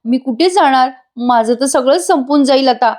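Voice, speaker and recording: A woman's voice: high voice, normal speed, a little mellow, pitched above the performer's own voice, lightly acted. A woman voicing a young wife who anxiously begs her husband's forgiveness, read as part of a voice-over review. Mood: worried. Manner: begging, flustered. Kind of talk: voice-over review re-enacting serial dialogue.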